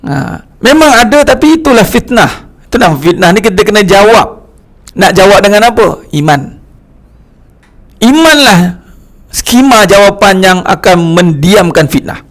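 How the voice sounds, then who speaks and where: A male religious teacher giving a lively, joking sermon, acting out little scenes. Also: high-pitched, moderate pace.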